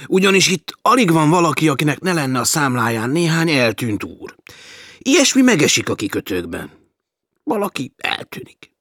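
A man voicing a brash, cheerful adventurer who swoops up loud and high in a dry recording. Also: sing-song, dry recording. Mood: boisterous. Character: brash cheerful male sailor-adventurer, boisterous.

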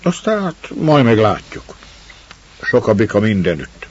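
A man's voice: fairly low pitch, very animated, slightly rough, lo-fi sound, voice pushed up. A man voicing a grave old mountain shepherd. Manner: slow and measured.

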